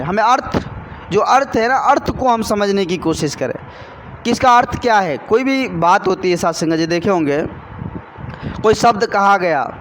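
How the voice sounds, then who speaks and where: A man's voice: high voice, slight background noise, low-quality recording. A man giving a devotional sermon, telling a parable and calling out to the congregation again and again. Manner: calls the congregation again and again, storytelling. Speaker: spiritual speaker.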